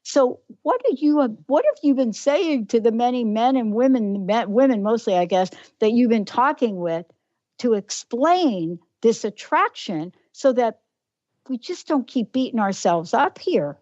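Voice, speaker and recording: A woman's voice: on the high side, lively intonation, measured pace, darkish tone, no echo. A woman with a New York accent hosting a radio talk show, effusive and emphatic as she introduces and questions her guest. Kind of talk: casual radio interview. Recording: dull lo-fi radio audio, dry.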